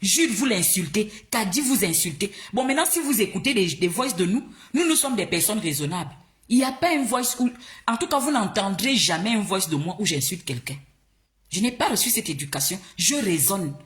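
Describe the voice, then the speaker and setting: A woman's voice: mid-range voice, very animated, normal speed. A woman from Gabon hosting a live stream, talking in a heated, confrontational way, firing off rhetorical questions and stumbling over her words when she gets worked up. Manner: stumbles and restarts when agitated.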